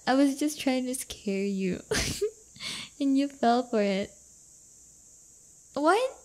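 In this intimate roleplay audio, a woman voices a playful, crafty teenage delinquent girlfriend who is still affectionate. Her voice sits high with big pitch swings and is heavily acted. She teases and coaxes in a playfully mocking mood, drawing out her words.

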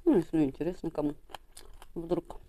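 A woman's voice: low-pitched, moderate pace, dark tone. A young woman vlogger chatting casually to viewers while eating, talking with her mouth full and giggling between bites. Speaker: mukbang vlogger.

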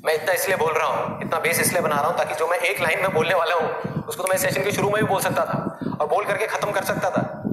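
A man's voice: high voice, steady tone, fast talker. A man giving a motivational talk to students, asking rhetorical questions and acting out the listeners' own voices. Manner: rhetorical, questions the audience and acts out their voices. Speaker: motivational speaker. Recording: echoey room, loud background noise.

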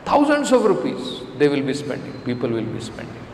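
A man's voice: medium pitch, huge pitch swings, brisk. Indian guy, middle aged, giving a scripture talk into a mic, roomy echo, bit of background noise. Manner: emphatic, repeating phrases for stress. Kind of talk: scripture lecture with everyday examples. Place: indoor temple lecture room. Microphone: stand microphone close to the mouth. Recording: roomy hall reverb, faint background noise.

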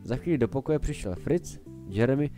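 A man's voice: medium pitch, expressive, warm tone, rough recording. A man reading a fan-made horror story aloud in plain storytelling narration. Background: faint music.

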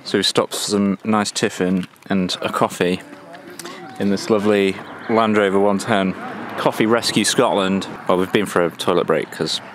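A man's voice: deep voice, fairly even intonation, normal speed. A young man with a Northern English accent, chatty and upbeat, vlogging and narrating a road trip from a car and the roadside. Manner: upbeat, chatty, laughs often. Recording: loud wind and car noise.

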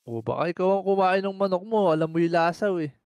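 A man with a Filipino accent playing along in a Minecraft roleplay, teasing and quick to say calm down. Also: sits high, dry recording. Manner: teasing, calls partner boy, fast calming patter. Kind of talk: casual Minecraft roleplay banter.

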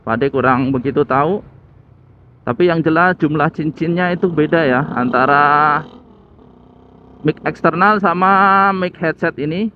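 A man explains things in an easygoing, chatty way while riding a motorbike through city traffic. His voice sits a little high and sounds thin and phone-like through a cheap headset mic. Faint engine and road noise runs underneath. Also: unhurried. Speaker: motovlogger. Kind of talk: casual motovlog commentary while riding. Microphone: phone with a homemade headset mic.

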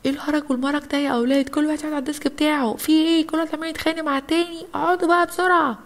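Woman as a bossy toy schoolteacher, commanding, egyptian arabic accent, gravelly, rapid. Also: high voice, fairly even intonation, pitched above the performer's own voice. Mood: scolding. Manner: scolding, commanding. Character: stern female toy schoolteacher.

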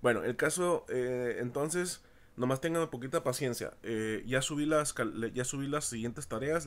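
A middle-aged man delivers a recorded class lecture. He speaks informally and circles back over the same points, often turning to his students directly. His voice sits at an ordinary middle pitch. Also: fairly bright tone. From Mexico. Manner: informal, repeats himself, addresses students as chicos. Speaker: university audio recording teacher.

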